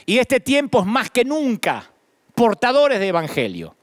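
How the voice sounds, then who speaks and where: A middle-aged Argentine pastor preaches with insistent, rhythmic emphasis, stacking phrase on phrase. His voice sits high for a man. The sound is close and dry, with no room around it. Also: wildly swooping pitch, measured pace, no echo. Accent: Argentine Spanish. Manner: emphatic preaching, builds lists with rising repetition. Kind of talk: sermon.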